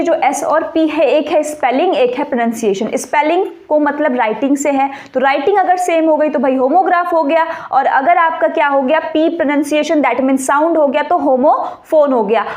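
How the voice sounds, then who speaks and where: Female exam-prep tutor, high voice, drills points by asking and answering her own questions. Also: darkish tone. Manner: repeats key points as quiz questions to the viewer; mixes English terms into Hindi explanations. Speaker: teacher. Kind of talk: exam-prep grammar lesson.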